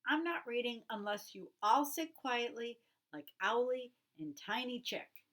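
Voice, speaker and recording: A woman voicing a small, earnest young male owl who talks high and gets loud when upset. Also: unhurried. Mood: fussy. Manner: high, excited, rising to loud protest.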